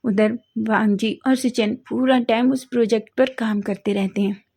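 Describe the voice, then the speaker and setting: A woman's voice: on the high side, fairly even intonation, normal speed, warm tone, slightly rough. A woman reading a romance fan fiction story aloud in plain storytelling style, now and then correcting herself.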